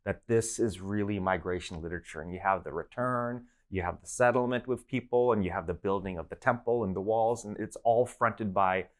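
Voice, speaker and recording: Relaxed low-voiced American man telling stories. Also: a little fast, few pauses. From United States. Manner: relaxed, storytelling with fillers and restarts. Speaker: guest professor. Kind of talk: conversational interview.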